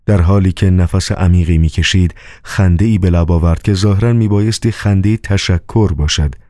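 A man reading an audiobook novel with calm, measured storytelling. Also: sits low, no room sound, studio quality. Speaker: audiobook narrator. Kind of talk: scripted narration.

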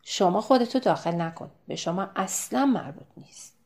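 A man's voice: fairly high pitch, steady tone, darkish tone, lightly acted. A woman voicing a small, petty bald man accusing a barmaid, in an audiobook.

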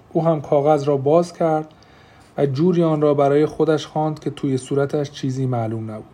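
A man narrating an audiobook in a steady, measured storytelling manner. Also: medium pitch, slightly rough.

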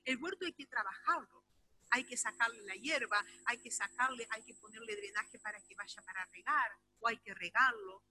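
A woman pastor preaching a sermon, swinging from loud exclamations to hushed, almost whispered passages and speaking straight to her congregation. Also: fairly high pitch, moderate pace, breathy edge, rough recording. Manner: addresses the congregation directly and often.

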